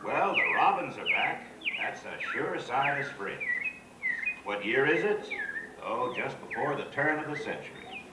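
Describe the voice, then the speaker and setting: A man's voice: fairly high pitch, huge pitch swings, a little slow, far from the mic, very noisy. A man playing a cheerful, proud turn-of-the-century father, folksy and boastful, heard from an old home VHS tape of a theme-park show. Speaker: animatronic show narrator. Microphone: camcorder in the audience. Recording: echoey show hall taped from afar. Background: loud show music.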